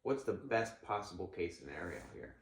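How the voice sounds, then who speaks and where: A man playing a therapist in a counseling role-play, speaking in a calm counselor's manner with gently probing questions. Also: low-pitched, moderate pace. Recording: echoey room.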